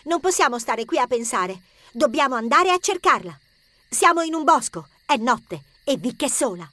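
A woman's voice: sits high, very animated, normal speed, sharp tone, no room sound, heavily acted. A woman voicing a decisive teenage boy who leads the group, speaking with resolve, in an audiobook story. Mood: resolute. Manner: resolute, urgent. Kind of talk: audiobook character acting.

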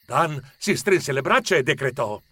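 A man reads a children's adventure story aloud with expressive storytelling. His voice is a little high and moves a lot. The recording is close and dry. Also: moderate pace, slightly rough, dry recording. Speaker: narrator. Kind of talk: scripted narration of a children's story.

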